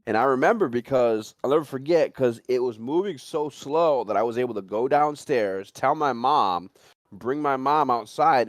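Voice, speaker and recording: A man taking part in a livestream talk chats casually, telling stories animatedly and speculating in a rambling, repetitive way with some swearing. His mid-range voice is captured in studio quality with no echo.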